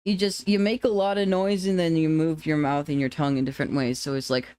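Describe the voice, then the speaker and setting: A streamer with an androgynous to femme-sounding voice, chatting casually with viewers in a rambling, relaxed way. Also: mid-range voice, fast, smooth, dry recording, studio quality. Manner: relaxed, rambling, laughs often, restarts sentences.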